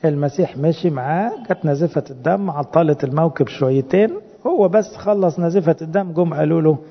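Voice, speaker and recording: A man with an Egyptian Arabic accent delivers a sermon and keeps asking his listeners questions. His fairly high voice has a rough, gravelly edge. The recording is dull, and a long reverb trails after each phrase. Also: fast. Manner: rhetorical questions to the congregation. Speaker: preacher.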